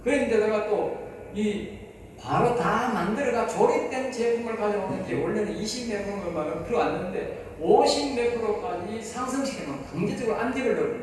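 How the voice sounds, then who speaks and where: A male pastor delivers an insistent sermon, repeating his phrases and firing rhetorical questions at the room. His voice sits high for a man. He is heard from off the mic, with long echo filling the church hall. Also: slight background noise. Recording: echoey hall, voice heard from far off.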